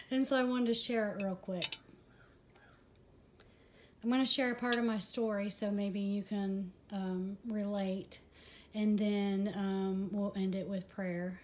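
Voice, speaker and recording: A woman hosting a ministry video, slightly out of breath, giving a personal devotional talk in a conversational, halting way with many fillers. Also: medium pitch, little pitch movement, slight background noise. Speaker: ministry host.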